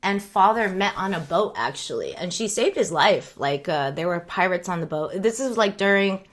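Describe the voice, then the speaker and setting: A young American woman streams live, chatting casually in a rambling, candid way and frequently bursting into laughter. Her voice is fairly low and expressive, at a normal speed.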